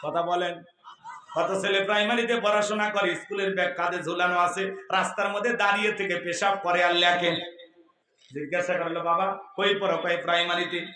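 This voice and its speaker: Bright, fiery man preaching with echo. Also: high-pitched, steady tone, normal speed. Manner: shouts, chants verses, questions the audience. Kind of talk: fiery Islamic sermon to a crowd. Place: open-air religious gathering. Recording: echoey public-address sound.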